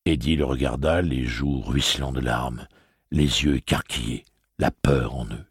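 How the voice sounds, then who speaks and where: Deep, husky male narrator. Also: steady tone, a little slow, no room sound, clean studio sound. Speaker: audiobook narrator. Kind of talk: scripted narration.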